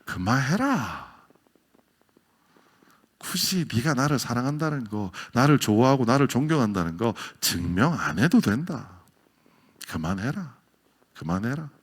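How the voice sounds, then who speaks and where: A man voicing a gentle, tender Jesus, speaking in a hushed, reassuring way. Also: medium pitch, big pitch swings, a little slow, pauses often, husky, voice pushed down, full character voice.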